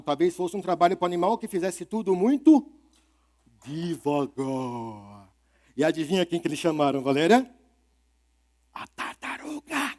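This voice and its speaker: A male storyteller with a Brazilian accent, performing live for an audience at a literary fair. His voice sits high and bright, and he shifts tempo freely, drawing out words for effect and putting playful questions to his listeners. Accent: Brazilian Portuguese.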